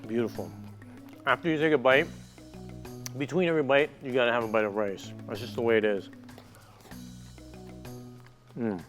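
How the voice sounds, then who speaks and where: Male cooking-show host, mid pitch, jokey and casual, faint music underneath. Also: normal speed, long pauses, fairly bright tone. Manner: playful, joking, hypes viewers.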